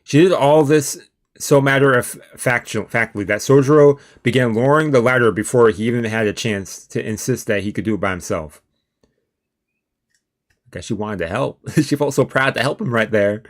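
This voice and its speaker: At a moderate pace, a man with a mid-range voice reads a visual novel aloud on a let's-play stream. His tone is informal, and he throws in slangy side comments as he reacts.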